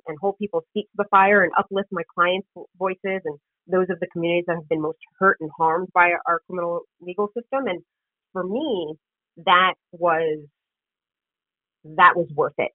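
A woman gives earnest, deliberate interview answers in a conversational storytelling way, building her points in lists. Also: lowish voice, no echo. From Queens, New York City. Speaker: interview guest, political candidate and public defender. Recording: thin phone-line sound.

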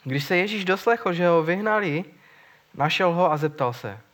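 A man's voice: high voice, expressive, fairly bright tone. A man preaching a sermon in an earnest, searching way, often repeating words as he thinks.

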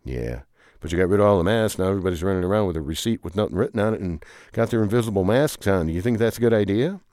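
A man's voice: sits low, mellow, dry recording, studio quality. A man telling an improvised comic story with two bickering characters, rambling and often groaning and humming along. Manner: rambling, with frequent groaning "ugh"s and playful humming.

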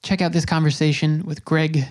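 A woman's voice: sits low, flat delivery, moderate pace, darkish tone. A woman speaking casually and informally as a podcast host.

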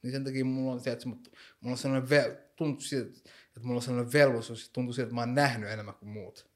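A man's voice: medium pitch, fairly even intonation. Slangy young man chatting casually. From Finland. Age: young adult. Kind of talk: casual conversation.

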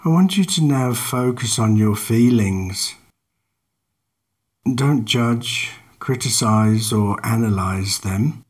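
A man leads a guided meditation at a very slow pace. His voice sits at a middle pitch, and his delivery is calm and measured. He gives each instruction with long pauses around it.

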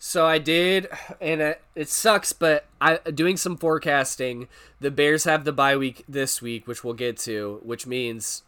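A man's voice: on the high side, measured pace, sharp tone, smooth. A young man co-hosting a podcast in casual chat, his voice nasal and congested from a cold, joking with crude banter. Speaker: podcast co-host.

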